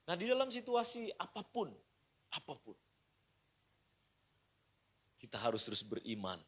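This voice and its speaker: A middle-aged man from Indonesia preaching a sermon as pastor at home, moving from quiet asides to shouted praise. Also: mid-range voice. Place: pastor's house.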